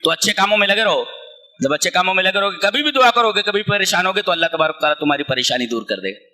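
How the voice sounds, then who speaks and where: A man giving a commentary lecture as a preacher, asking rhetorical questions and reciting Arabic verses slowly. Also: high-pitched, animated, pushed and bright. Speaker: Quran commentator.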